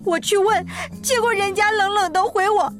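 A woman's voice: very high voice, moderate pace, faint music behind, voice pushed up. A woman voicing a hurt, defensive young woman who holds back tears and speaks with aggrieved insistence. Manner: aggrieved, pleading, then forced calm. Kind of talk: storybook character voice.

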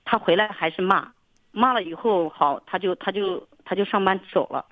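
A woman rambles earnestly over a thin, tinny phone line, circling back and repeating phrases as she goes on. Her voice sits at a middle pitch in a completely dry sound. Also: moderate pace, dry recording. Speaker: caller. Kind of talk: radio call-in counseling.

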